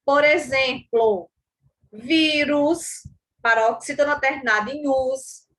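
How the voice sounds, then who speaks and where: A Brazilian woman teaching a recorded school lesson, speaking slowly and deliberately and often checking with the class. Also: high-pitched, animated, pushed and bright. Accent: Brazilian Portuguese. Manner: slow, deliberate, checks understanding with "tá?".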